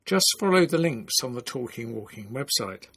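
A man hosting a podcast, reading a measured, formal closing announcement. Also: medium pitch, lively intonation, gravelly, fairly bright tone, husky, no echo. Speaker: podcast host. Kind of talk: scripted outro narration.

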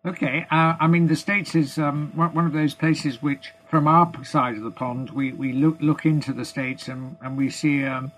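A man's voice: a little high, fairly even intonation, moderate pace, few pauses, a bit bright, poor audio. Hesitant British man interviewing. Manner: hesitant, many repeated words and ums. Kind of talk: interview questions.

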